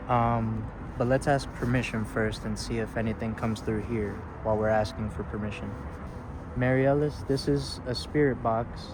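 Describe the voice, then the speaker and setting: Polite male ghost hunter outdoors, noisy background. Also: mid-range voice. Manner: polite, coaxing, addresses the unseen directly. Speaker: paranormal investigator hosting a video. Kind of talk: casual narration and gentle questions to spirits. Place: outdoors at a roadside parking lot grave site. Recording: clear outdoor traffic and ambient noise.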